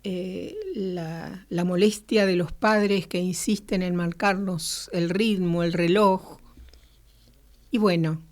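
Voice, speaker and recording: A woman radio host, reading a novel aloud in a measured way and then commenting, with occasional hesitant fillers. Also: on the low side, darkish tone. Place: radio studio.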